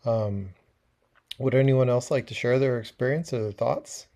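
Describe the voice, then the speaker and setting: Mellow-voiced man presenting casually. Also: mid-range voice, moderate pace. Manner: relaxed and conversational, with fillers. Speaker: webinar presenter. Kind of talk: casual educational talk.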